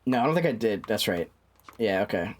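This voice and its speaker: A man's voice: on the low side, animated, brisk. A man streaming a game, chatting casually, swearing and muttering to himself. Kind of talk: casual livestream chat.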